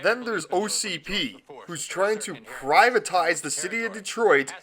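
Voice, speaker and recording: A man with a high, bright voice delivers a comedic movie review. His pitch swings widely as he gushes, and he swears freely throughout. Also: measured pace. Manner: profane, excitable and gushing.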